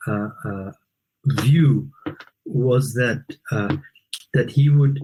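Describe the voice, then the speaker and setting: A man explaining things as an interview guest, haltingly and deliberately, often repeating words, in a husky voice. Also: medium pitch, dark tone, rough recording.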